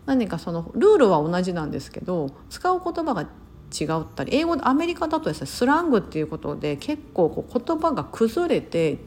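A woman's voice: mid-range voice, very animated, fairly quick, darkish tone, a little hiss or hum. A woman from Osaka chatting casually on her podcast, full of fillers and self-corrections. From Osaka, Japan. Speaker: podcast host. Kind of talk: casual solo talk.

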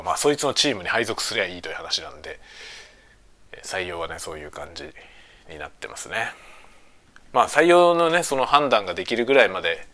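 A middle-aged man chatting casually on a lunch-break stream, rambling in colloquial phrases with drawn-out tags at the ends. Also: low-pitched, creaky, pushed and bright. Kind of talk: casual lunch-break chat while preparing food.

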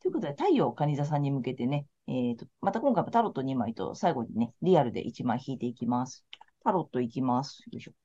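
A woman's voice: rumbling low, very animated, fast, warm tone. A woman tarot counselor in casual podcast chat, talking in a frank, laid-back, chatty way. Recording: slightly muffled lo-fi audio.

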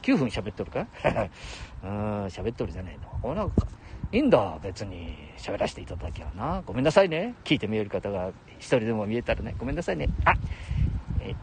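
A man's voice: fairly low pitch, big pitch swings, brisk, a little mellow, a little hiss or hum. An older man in his seventies with a Nagoya-area Japanese dialect, rambling and chuckling on a solo livestream. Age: 70s. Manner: chatty, laughs often, talks to himself. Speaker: livestream host.

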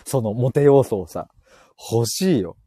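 A man's voice: mid-range voice, animated, slow pace, mellow, slightly rough, dry recording, studio quality. Playful man chatting on a live stream. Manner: playful, laughs often, joking. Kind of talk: casual live-stream chat reading listener comments. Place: outdoors, walking. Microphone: earphone mic.

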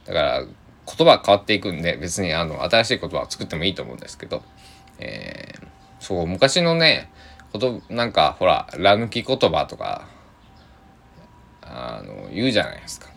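A man hosts a solo podcast in a loose, rambling way, full of hesitations, with a touch of Tosa dialect. His voice sits very low and carries a gravelly rasp. His pitch swings widely as he chats. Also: huge pitch swings, moderate pace, fairly bright tone. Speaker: podcast host.

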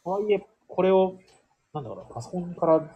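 A husky man hosts a casual radio chat from a board game bar, talking quickly into an iPhone held close. His pitch jumps around lively, and his speech is full of fillers and easy laughter. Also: narrow, tinny audio. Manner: chatty, laughing, many fillers. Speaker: radio show host.

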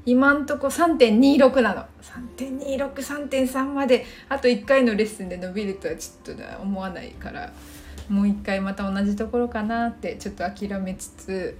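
Chatty Japanese woman laughing through her livestream. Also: mid-range voice. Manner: rambling, self-correcting, laughs often. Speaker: livestream host. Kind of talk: casual solo livestream chat.

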